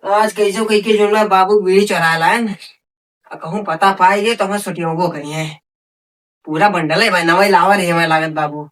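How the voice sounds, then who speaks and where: A man's voice: high voice, steady tone, normal speed, a bit bright. An idle village stoner from a comedy skit, acted by a man, talks in a lazy Awadhi drawl. He is a bidi-smoking young buddy, recorded at some distance from the microphone. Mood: idle, stoned.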